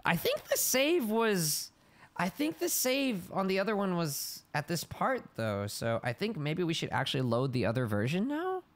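Huge swings mark this mid-range voice, which keeps a moderate pace. It belongs to a let's play gamer commenting on a video game, reading on-screen text out loud and lapsing into panicked shrieks and laughter, with game music in the background.

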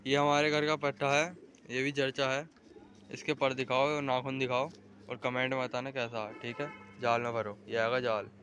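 A young man narrates a casual vlog from a rooftop, showing off pigeons, chatting, directing his friends and calling out to viewers. His medium-pitched, slightly bright voice has little pitch movement and a moderate pace, recorded on a phone camera held in hand.

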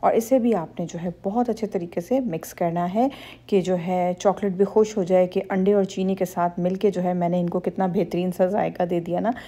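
A woman's voice: lowish voice, fairly even intonation, moderate pace, mellow. A woman hosting a cooking channel, giving a step-by-step baking lesson in a reassuring, instructive voice-over. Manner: instructive, reassuring, addresses women viewers directly.

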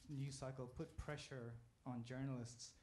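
A man's voice: medium pitch, fairly even intonation, measured pace, darkish tone, slight background noise. Hesitant man asking from the floor. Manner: hesitant, many fillers. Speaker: audience member asking a question. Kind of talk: question from the floor. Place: conference hall.

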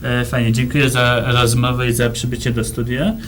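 A man hosting a studio interview in a halting, hesitant way, recorded on noisy 1990s TV tape. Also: medium pitch, little pitch movement, a bit bright. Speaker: host of a local music TV show.

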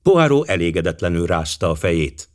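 A man narrating an audiobook calmly. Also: sits low.

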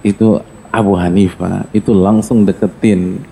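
Brief: male preacher, mellow and gravelly, animated storytelling sermon. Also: measured pace. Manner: animated, acts out dialogue in a higher voice, addresses audience directly. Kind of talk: lively sermon storytelling to a congregation.

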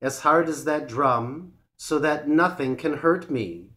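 A man voicing a clever young female tortoise in a storybook reading, speaking in a quiet, measured, sly way. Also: a little high. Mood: earnest.

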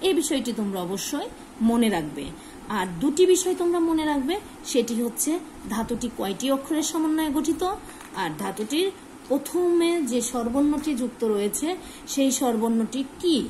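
Patient female teacher explaining grammar, quizzing and answering herself, a little high-pitched, faint background hiss. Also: lively intonation, normal speed, mellow, poor audio. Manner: patient, asks and answers her own questions. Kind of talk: classroom grammar lesson.

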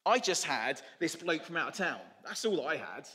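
A man voicing a boastful, self-important male donkey, talking in an excited, bragging way. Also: normal speed. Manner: excited, bragging, high-pitched. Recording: echoey church hall.

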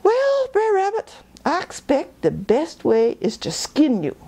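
A woman's voice: high-pitched, wildly swooping pitch, unhurried, warm tone, voice pushed up, exaggerated voice. A woman voicing a scheming male fox villain in a storybook tale, gloating over threats.

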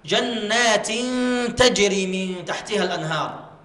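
A man teaching Quran recitation rules, repeating words slowly and drawing them out to show the pronunciation, in a mosque. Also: high voice, bright, forceful tone. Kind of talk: tajweed lesson with demonstrated recitation. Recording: echoey mosque hall.

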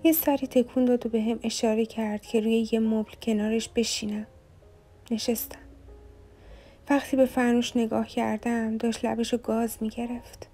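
A woman reading a novel aloud as an audiobook narrator, in a soft, even storytelling manner. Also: fairly high pitch, soft background music.

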